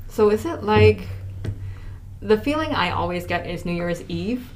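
A woman's voice: mid-range voice, lively intonation, a little slow, slight background noise. An upbeat young woman hosts a casual podcast chat. She introduces the show and steers the talk with friendly questions. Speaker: podcast host.

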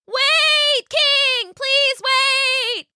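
A clever young female rabbit from a storybook, her voice pitched very high and squeaky, as a woman reading aloud puts her on. She sounds bright and eager, with quick, lively leaps in her tone. The sound is dry and close. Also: no room sound, full character voice. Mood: pleading. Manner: squeaky, excited and pleading.

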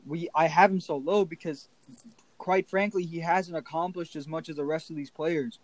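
Man, sports debate co-host, assertive, fairly high voice. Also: fairly even intonation, moderate pace, no echo, low-quality recording. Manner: assertive, argumentative. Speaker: podcast co-host.

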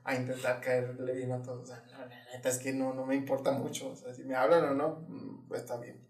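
Quiet young mexican guy chatting, kinda reserved, echoey room a bit off mic. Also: mid-range voice, flat delivery. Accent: Mexican Spanish. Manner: reserved, slow and quiet when talking about himself. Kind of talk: casual chat. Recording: roomy sound, a little far from the mic.

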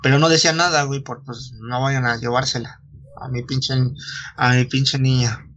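A young man with a Mexican Spanish accent casually retells a novel, sprinkling slang and swearing through every sentence. His pitch is mid-range. The recording sounds dull and lo-fi. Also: fairly even intonation, moderate pace, a bit bright. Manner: slangy, swears often, says "güey" constantly, restarts lines.

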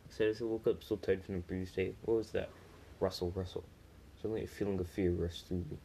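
Man, story reading, low voice, dark tone, small restarts. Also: fairly even intonation, racing, gravelly, slight background noise, low-quality recording. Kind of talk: reading a first-person story aloud.

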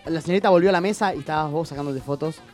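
A man with an Argentine Rioplatense accent, a podcast co-host who teases the other speaker in quick, joking banter. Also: fairly high pitch, a little mellow, soft background music. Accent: Argentine Rioplatense Spanish. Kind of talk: casual chat.

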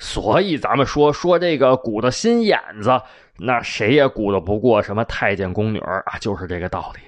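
A man's voice: lowish voice, animated, moderate pace. A man with a Beijing accent telling old folk legends, chatty and addressing his listeners directly with colloquial asides. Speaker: storyteller. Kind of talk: folk-tale storytelling to listeners.

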